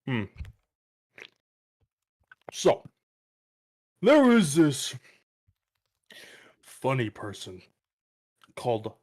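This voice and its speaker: A man's voice: medium pitch, huge pitch swings, drawn-out words, pauses often, darkish tone. A man chatting casually with friends during an online tabletop game, rambling and hesitating as he explains things.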